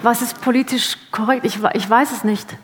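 A woman's voice: a little high, fairly even intonation, a little fast, background noise. A woman actress giving an interview, chatting casually with laughter and self-mocking humor. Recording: long hall reverb.

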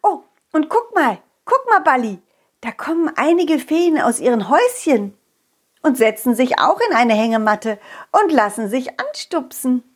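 A woman's voice: high-pitched, very animated, measured pace, husky, full character voice. A woman voicing a curious, friendly young boy who talks with eager wonder.

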